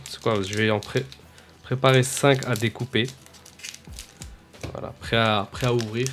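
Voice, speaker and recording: A man with a French accent chatting casually to viewers while opening trading card packs. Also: mid-range voice. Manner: chatty, addresses viewers as "les gars", reads card names in bursts.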